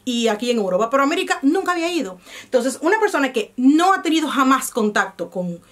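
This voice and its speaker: Lady vlogging, kinda high voice, chatty, talks right to the camera. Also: big pitch swings, quick pace. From Dominican Republic. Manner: chatty, addresses viewers as "mis amores". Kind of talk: casual chat to camera.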